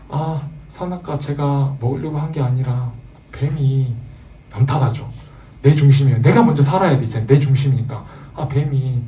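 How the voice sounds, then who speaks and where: A man's voice: medium pitch, warm tone, recorded from a distance. A man preaching a sermon to teenagers, asking the audience questions and acting out the voices he quotes. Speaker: youth pastor.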